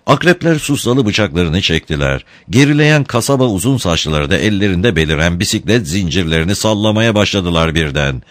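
A man reading a story aloud in an expressive, dramatic manner. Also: deep voice, a little fast, few pauses, no room sound, clean studio sound. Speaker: narrator. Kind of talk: audiobook narration.

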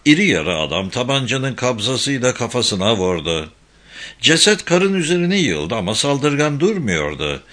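A man narrating a crime novel audiobook in a steady, even reading. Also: mid-range voice, moderate pace. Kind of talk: scripted narration.

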